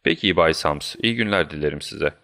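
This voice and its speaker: A man playing Sherlock Holmes, calm and shrewd. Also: a bass voice, creaky, heavily acted. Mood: composed. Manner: measured, commanding. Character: calm, shrewd male detective.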